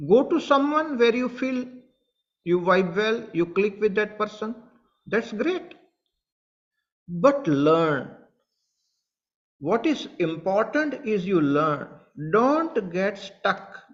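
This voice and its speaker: A man with an Indian English accent gives a satsang talk to online followers, speaking earnestly, repeating his points and addressing them directly. His voice sits high, and the highs are cut off.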